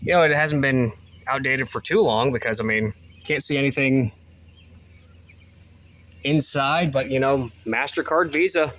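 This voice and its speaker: Talking unhurriedly with long pauses, a man vlogs on his phone outside on his rural delivery route. He's profane and rambling, with lively shifts in pitch.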